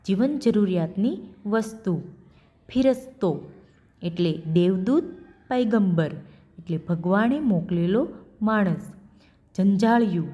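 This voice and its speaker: Slow, deliberate Gujarati woman teacher. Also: medium pitch, dark tone. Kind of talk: reading a lesson and explaining vocabulary.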